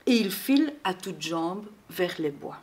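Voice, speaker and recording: A woman reading a children's Christmas storybook aloud in an expressive, measured way. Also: on the low side, a little hiss or hum.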